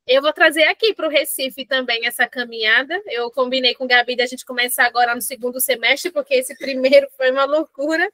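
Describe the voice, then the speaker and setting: Bright high-voiced woman. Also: a little fast, hardly any pauses, no room sound. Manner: animated, uses fillers like "né" and "assim", reads quotes aloud. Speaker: parent educator hosting a book club. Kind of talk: casual reflective talk with read-aloud passages.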